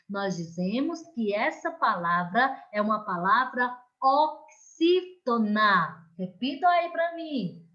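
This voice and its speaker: A Brazilian woman teaches children in an online lesson, speaking in an unhurried, slightly high voice. She lingers on the key words and keeps coaxing her pupils to follow along. The recording sounds dull and lo-fi. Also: bright, forceful tone. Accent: Brazilian Portuguese. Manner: slow, drawn-out stressed words, coaxing children. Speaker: primary school teacher.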